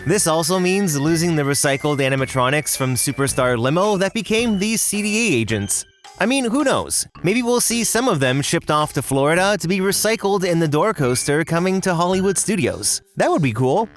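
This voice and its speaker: A countdown host narrates in a casual, explanatory manner at a middle pitch. The scripted commentary runs over clearly audible music. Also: big pitch swings, fairly quick.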